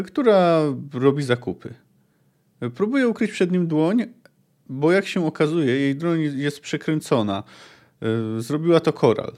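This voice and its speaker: A man's voice: fairly high pitch, a little mellow. A man hosting a book podcast who summarizes and discusses a novel chapter, talking hesitantly with frequent filler sounds. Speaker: podcast host.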